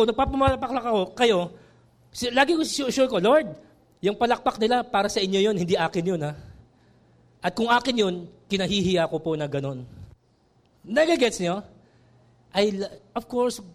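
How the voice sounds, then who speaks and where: A middle-aged male pastor preaching a sermon in an animated way, mixing in English. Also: very high-pitched.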